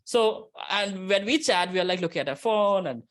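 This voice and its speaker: Spiritual teacher for an informal religious talk; conversational, mid-pitched voice, keeps checking in with listeners. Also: animated, normal speed, a bit bright. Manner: conversational, often checks in with "right?". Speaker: spiritual teacher leading a scripture discussion. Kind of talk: informal religious lecture, answering questions.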